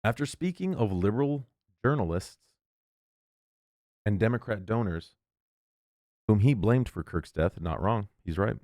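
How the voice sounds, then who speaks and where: A man's voice: lowish voice, expressive, a little slow, long pauses, darkish tone, dry recording, studio quality. A man reading an article aloud and breaking off into heated, indignant commentary, often stumbling and restarting. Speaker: political commentator.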